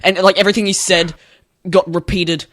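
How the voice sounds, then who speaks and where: A man's voice: high-pitched, little pitch movement, brisk, fairly bright tone, no room sound, studio quality. A young man co-hosting a casual podcast, teasing and sardonic. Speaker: podcast co-host. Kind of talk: casual chat.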